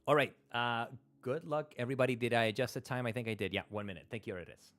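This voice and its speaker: A livestream host in his thirties, native in Spanish, offers casual play-by-play as he games, thinking aloud and full of fillers and restarts. He talks fast, at medium pitch, with a slightly bright voice. He's working from a desk in a small room on a close studio mic mounted on a stand.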